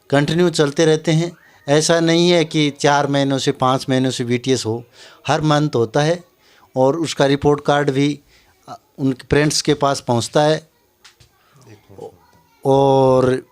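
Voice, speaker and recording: A man presenting his school's testing system, speaking slowly and formally and mixing in English words. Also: on the high side. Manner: measured and slow, mixes English words into formal speech. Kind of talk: slow formal talk to camera.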